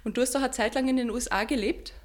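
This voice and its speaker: A woman's voice: on the high side, steady tone, very fast. Woman hosting a podcast interview. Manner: friendly, clearly phrased questions. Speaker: podcast host, editor.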